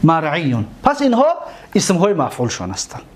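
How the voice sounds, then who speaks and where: A male teacher with a Tajik accent lecturing a class. His voice sits high and swings widely up and down as he explains step by step. He repeats each word and keeps asking his students questions. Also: animated, noisy background. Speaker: teacher of Arabic morphology.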